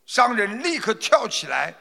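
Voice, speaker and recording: A man telling a moral folk tale and then lecturing on its lesson, in an expressive, dramatic way. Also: high voice, unhurried, creaky, in a large hall. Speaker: storyteller. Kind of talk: moral storytelling with commentary.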